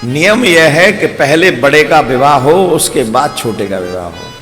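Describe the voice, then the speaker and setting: A spiritual preacher with a Braj-tinged Hindi accent delivers a devotional story as a sermon, tossing playful asides to his listeners. His voice is fairly high and fairly bright, with lively intonation and an unhurried pace. Long hall reverb and faint music fill the recording.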